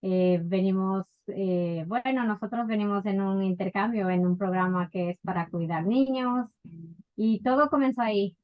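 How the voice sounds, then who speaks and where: A woman from Ecuador telling her life story as an interview guest, unhurried and full of fillers. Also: medium pitch, lo-fi sound. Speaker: guest entrepreneur. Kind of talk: casual interview.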